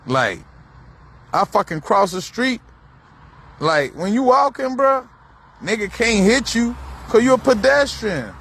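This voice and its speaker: A fairly high, slightly bright male voice carries this outdoor vlog by a busy road. The man muses on spirituality in a rambling, foul-mouthed way, repeating himself as his thoughts drift, with traffic faintly audible.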